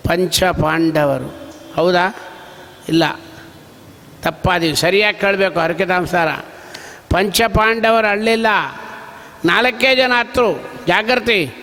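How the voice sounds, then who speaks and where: A man's voice: sits high, steady tone, slow pace, pauses often, sharp tone. A man giving a devotional sermon, telling the story dramatically and acting out the dialogue. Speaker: religious discourse speaker. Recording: reverberant hall.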